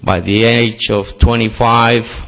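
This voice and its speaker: A man's voice: mid-range voice, level tone, slow pace, a bit bright. A man from Costa Rica with a Costa Rican Spanish accent and Spanish as his first language, giving an earnest personal testimony at a recovery meeting with self-deprecating humor. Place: meeting hall.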